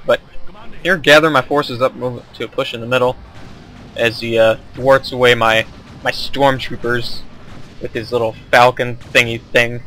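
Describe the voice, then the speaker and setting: A man's voice: mid-range voice, steady tone, normal speed, pushed and bright, a little hiss or hum, low-quality recording. A young man casually commentating his own strategy game replay, rambling and correcting himself as he goes. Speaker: gameplay commentator.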